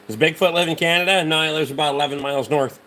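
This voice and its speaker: Fast and fairly high-pitched, this man's bright, forceful voice carries a Rhode Island accent. He's from Rhode Island in the United States and hosts a livestream, chatting casually with viewers in blunt, dismissive, heavily profane replies.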